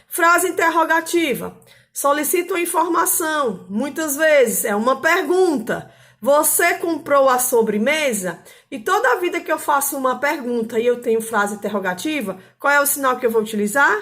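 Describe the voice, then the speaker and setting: Female teacher, high voice, patient grammar explainer, keeps checking the class understands. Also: a bit bright. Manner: explanatory, frequent tag questions. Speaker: Portuguese teacher.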